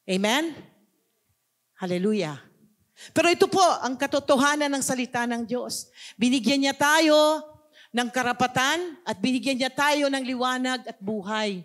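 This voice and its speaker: A woman pastor with a Filipino accent preaching a sermon, switching between languages and asking the congregation questions. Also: on the high side. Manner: mixes two languages, asks the congregation questions.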